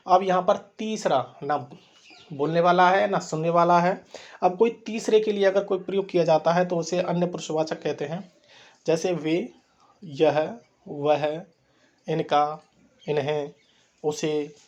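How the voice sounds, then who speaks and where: Guy teaching a grammar class, kinda high voice, goes over each point again simpler. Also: darkish tone. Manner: explanatory, repeats points in simple words. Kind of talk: Hindi grammar lesson.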